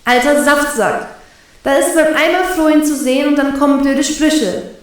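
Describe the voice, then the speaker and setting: A woman voicing a wounded, prickly young pirate crew woman in a strained, often hushed, gravelly voice. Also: high-pitched, steady tone, moderate pace, very echoey, voice pushed up, lightly acted. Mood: snappish.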